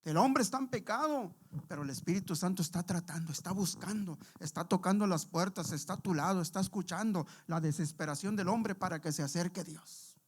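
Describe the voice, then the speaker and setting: A man preaching a sermon in church, telling a testimony and leading prayer, calling out to the brethren constantly while his loudness swells and drops. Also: high voice, fairly quick, husky. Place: church sanctuary.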